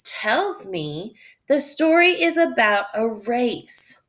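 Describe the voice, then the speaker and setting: In a voice on the high side, a woman reads a kids' story like a teacher would. She muses aloud and leads her young audience through it in a careful, instructive manner.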